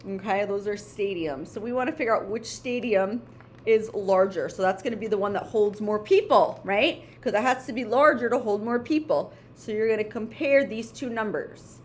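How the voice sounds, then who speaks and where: This elementary school math teacher has a mid-range voice and a moderate pace, with a little hiss or hum in the recording. Her homework lesson for kids is playful and instructional, split into short steps with frequent check-ins.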